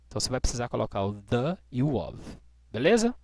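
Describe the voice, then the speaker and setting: Man teaching, lively pitch. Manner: patient, slows right down to model English phrases. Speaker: English teacher. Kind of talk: classroom explanation.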